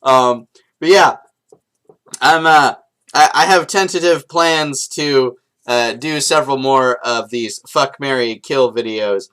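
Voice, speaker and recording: A young man chatting to camera in a casual vlog. He rambles, restarts sentences, and swears freely. His pitch sits in the ordinary middle range for a man. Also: clean tone. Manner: profane, swings from shouting rant to mumbling asides; halting, many restarts and fillers. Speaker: vlogger.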